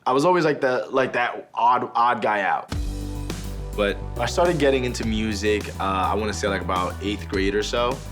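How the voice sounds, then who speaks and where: A young man with a low, slightly bright voice tells personal stories to camera at a moderate pace, informal and slangy with lots of "like" and "you know." Born in the Dominican Republic and living in New York since age eight, he's a reality show participant, school safety officer and club DJ. Music plays in the background.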